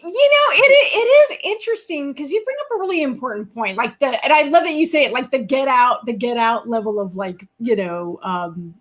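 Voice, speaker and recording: A woman hosting a casual live-stream conversation, animated and enthusiastic, with quick asides. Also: sits high. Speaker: host.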